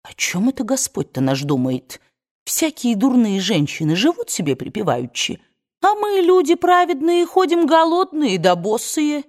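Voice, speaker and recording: A woman's voice: lowish voice, big pitch swings, normal speed, a little mellow. A woman reading the part of a nosy, pious old nanny in an audiobook, with folksy, grumbling speech.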